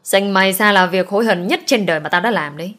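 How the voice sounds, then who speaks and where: A woman's voice: mid-range voice, quick pace, a bit bright, natural voice. A woman reading the part of a cruel older man, a chairman threatening his own son in an audiobook. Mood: menacing. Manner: cold, threatening.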